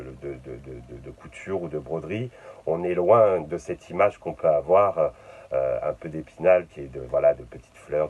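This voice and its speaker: A middle-aged man, a visual artist talking unscripted about his work in his studio, pausing often with fillers and repeated words. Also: extremely low pitch, warm tone, lo-fi sound.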